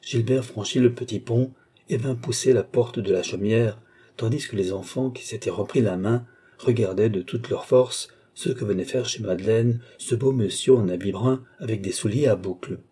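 A man reading a classic novel aloud as an audiobook narrator, in a measured, steady manner. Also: lowish voice, slightly rough. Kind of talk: scripted narration.

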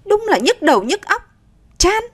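A frazzled young mother from an audio storybook, voiced by a woman narrator, shouting and scolding in a high, strained voice. She sounds short-tempered and worn out, her voice pushed loud and sharp. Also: expressive, normal speed, natural voice. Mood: furious. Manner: yelling, scolding.

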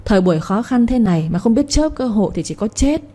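A woman's voice: fairly high pitch, lively intonation, quick pace, dark tone. A woman voicing a coarse, domineering village father. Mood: scheming. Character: gruff scheming village father, greedy.

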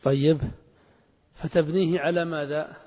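High husky man teaching a class. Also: fairly even intonation, measured pace, darkish tone. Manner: questions the class and repeats the answers. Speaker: grammar teacher. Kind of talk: classroom grammar lesson. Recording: muffled recording in a reverberant hall.

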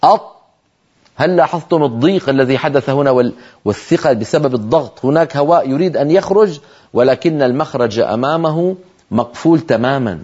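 Measured male tajweed teacher. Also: mid-range voice, darkish tone, breathy edge, muffled recording. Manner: demonstrates letter sounds, asks listeners to try along; measured, explanatory delivery. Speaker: Quran recitation teacher. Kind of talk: televised tajweed lesson.

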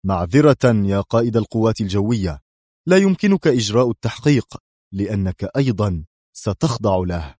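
A man's voice: on the low side, a little fast, darkish tone, dry recording, clean studio sound, close to an everyday voice. A man voicing a stern, commanding male defense secretary who speaks curtly and severely in an audiobook thriller. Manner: curt and severe.

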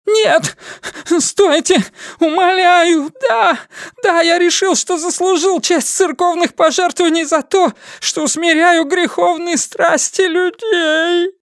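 A man's voice: extremely high pitch, fairly even intonation, takes it slowly, fairly bright tone, no room sound, clean studio sound, voice pushed up, heavily acted. A man voicing a cowardly fake preacher who sobs and begs frantically under torture. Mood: desperate pleading. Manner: sobbing, frantic pleading.

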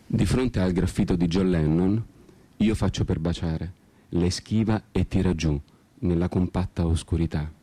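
An unhurried man with a deep, mellow voice and a breathy edge tells a dramatic literary monologue for radio theatre. Guitar plays behind him, and his telling is theatrical, brooding and ironic.

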